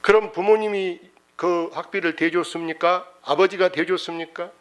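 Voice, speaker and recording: Man playing a company chairman, stern, formal, measured, slightly high voice, sermon anecdote. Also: fairly even intonation, clear, resonant tone, natural voice. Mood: questioning. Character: stern older male company chairman interviewing.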